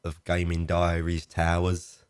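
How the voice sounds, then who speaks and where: Deep-voiced man joking around. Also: completely flat delivery, a little slow, clear, resonant tone. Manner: joking, teasing, drowsy. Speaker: let's play co-host. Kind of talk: casual gameplay chat. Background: game music.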